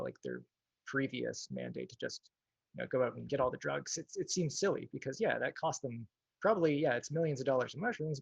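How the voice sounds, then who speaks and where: A man speaking as a guest activist over a video call, thinking aloud and hedging his points. His voice is gravelly and husky. The dull, lo-fi audio is dry with no room sound. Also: medium pitch, dry recording. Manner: thoughtful, hedging, full of "like" and "you know". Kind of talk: casual livestream interview.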